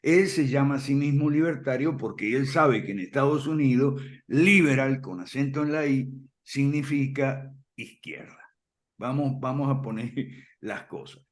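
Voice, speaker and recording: A man explaining ideas in conversation, firm and emphatic, often checking in with a quick "ok?" and soft chuckles. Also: mid-range voice. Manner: emphatic, repeats points firmly. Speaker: guest speaker on classical liberalism.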